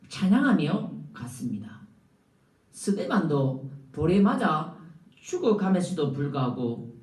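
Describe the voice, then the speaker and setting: Guy preaching a sermon, voice swoops up and down a lot, asks the room questions, sounds kinda far off in a big echoey church. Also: darkish tone. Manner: rhetorical questions to the congregation, emphatic swings in pitch. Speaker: pastor. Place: church sanctuary.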